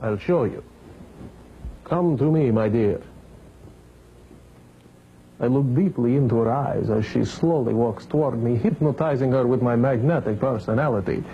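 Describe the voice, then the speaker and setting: A man's voice: mid-range voice, moderate pace, pauses often, close to an everyday voice. A man playing a pompous old vampire baron as a campy horror host, theatrical and mock-sinister, delivering puns. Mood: ghoulish relish. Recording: dull, hissy vintage 1970s TV tape.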